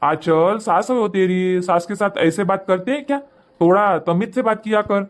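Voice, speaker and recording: A man's voice: high-pitched, moderate pace, close to an everyday voice. A man voicing a harried young husband in a cartoon, pleading and placating between his wife and mother. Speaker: son and husband.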